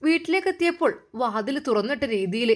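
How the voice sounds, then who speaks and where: A woman's voice: high voice, lively intonation, brisk. A woman with a Malabar Malayalam accent narrating a family story in a dramatic, emphatic way.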